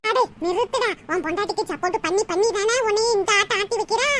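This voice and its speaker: A woman voicing a shrill old scolding mother-in-law. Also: quick pace, a bit bright. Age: older. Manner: wailing laments and mocking taunts. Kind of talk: cartoon voice acting.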